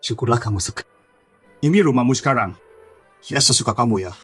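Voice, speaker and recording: A man voicing a gentle elderly father who speaks softly and dotingly in a dubbed drama. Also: mid-range voice, animated, fairly quick, soft background music, lightly acted. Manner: soft and doting. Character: gentle elderly father, overjoyed at his daughter's return.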